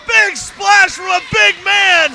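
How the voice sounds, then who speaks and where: A man's voice: very high-pitched, steady tone, slow, creaky, raised voice. A man giving emphatic live wrestling commentary with punchy, indignant exclamations. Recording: noisy arena with crowd behind.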